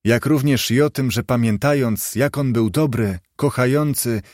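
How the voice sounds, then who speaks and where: A man reading the part of a humble, grieving clerk and father, in a warm and earnest tone. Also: medium pitch, normal speed, dry recording, studio quality, natural voice. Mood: tender.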